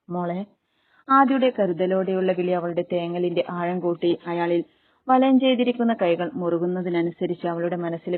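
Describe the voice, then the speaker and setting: A woman's voice: on the low side, dry recording. Woman narrating a romance story. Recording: dry, tinny phone-like sound.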